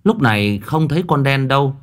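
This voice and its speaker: A man narrating a ghost story with dramatic, expressive delivery. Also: mid-range voice, brisk.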